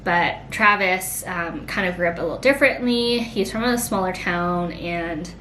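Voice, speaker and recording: A vlogger in her late twenties chats casually at home through a pregnancy Q&A, her voice bright and pushed at a moderate pace. She rambles, leaning heavily on "like." The room is echoey with a faint rumble.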